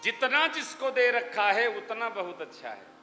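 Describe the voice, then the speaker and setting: Man preaching a story real slow, echoey hall, bit of music behind. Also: very high-pitched, sing-song. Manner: dramatic storytelling, swings from hushed to loud. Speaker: religious storyteller. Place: large hall.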